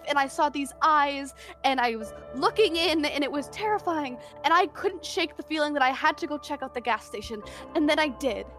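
A woman's voice: high-pitched, a bit bright. A woman playing a scared, desperate teenage girl who pleads raw and swears. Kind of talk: tabletop role-play.

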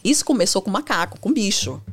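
A woman therapist, explaining ideas in a podcast conversation, animated and laughing easily, often acting out quotes. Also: medium pitch, fairly quick, slightly rough. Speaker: family and couples therapist, guest.

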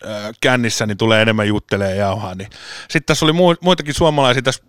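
A man's voice: mid-range voice, fairly bright tone, clean tone, no echo, studio quality. A man co-hosting a podcast, telling long casual stories with lots of restarts and the odd swear word. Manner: rambling storyteller, swears and laughs often. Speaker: podcast co-host. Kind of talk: casual chat.

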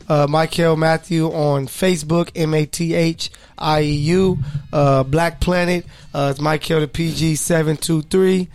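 A man's voice: on the high side, no echo. A man hosting a casual sports podcast, joking loosely with lots of fillers. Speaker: podcast host.

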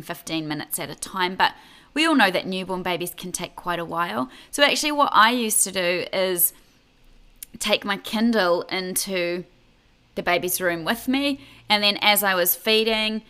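A woman's voice: fairly low pitch, normal speed, sharp tone, clean tone. A woman co-hosting a podcast, giving baby sleep tips in a chatty, casual way with many restarts. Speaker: podcast co-host. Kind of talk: casual advice chat.

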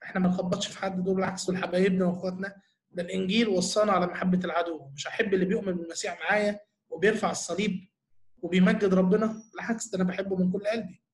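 Egyptian male church teacher, high voice, quick, earnest Q&A explainer. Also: little pitch movement. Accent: Egyptian Arabic. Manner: earnest, explanatory, full of rhetorical questions. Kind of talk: answering audience questions in a talk.

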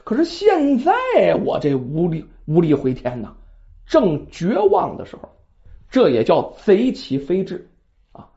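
A woman telling a story in a chatty, animated way, with asides to listeners. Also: lowish voice, a little slow. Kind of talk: oral storytelling narration. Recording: dull lo-fi recording.

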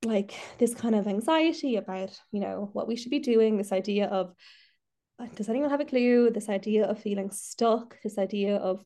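A woman with a mid-range, dark-toned voice speaks at normal speed over a video call microphone. She hosts a podcast and is a trainee therapist, chatting casually in a reflective, rambling way with many restarts.

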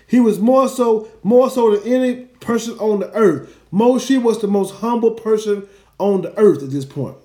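A man's voice: high-pitched, a little mellow. A man giving an earnest, explanatory Bible teaching, using Hebrew names. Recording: echoey room.

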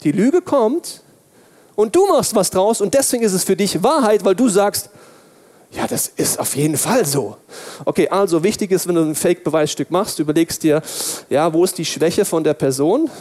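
A man preaching a sermon, asking and answering his own questions, swinging between loud bursts and hushed lines. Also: high voice, expressive, a little fast.

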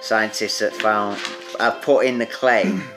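A man co-hosting a casual podcast chat, blunt and sweary, pausing often on fillers. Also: on the low side, fairly even intonation, over music. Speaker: podcast co-host.

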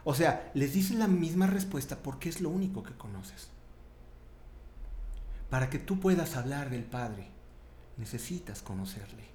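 A man's voice: mid-range voice, unhurried, pauses often, echoey room, slight background noise. A man with a Mexican accent preaching a sermon in a chatty, conversational way, often tagging his sentences with questions. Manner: conversational, animated, tag questions.

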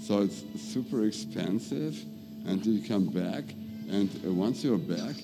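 A man with a lower voice co-hosting a loose chat. He stumbles and restarts as he teases the others. Music plays clearly behind him. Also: expressive. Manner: halting, teasing, laughs between lines. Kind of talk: casual banter.

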